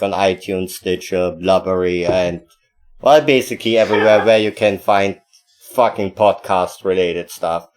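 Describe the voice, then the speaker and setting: A man's voice: fairly low pitch, darkish tone. A man with a Finnish accent hosting a casual podcast, joking crudely with his co-host and a caller. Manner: crude, joking, lists plugs in a sing-song.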